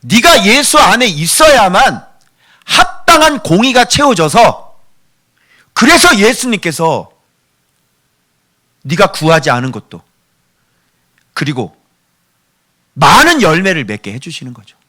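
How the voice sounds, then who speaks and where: Animated, high-voiced Korean pastor. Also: male voice, unhurried, pauses often. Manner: playful, theatrical, quizzing the congregation. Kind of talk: sermon.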